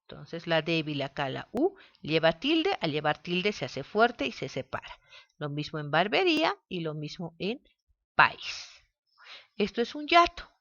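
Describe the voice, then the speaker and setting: Woman teacher going slow over syllables, kinda lower voice, dull lo-fi audio. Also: sing-song, no echo. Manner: slow, deliberate, spells out syllables. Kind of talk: grammar lesson.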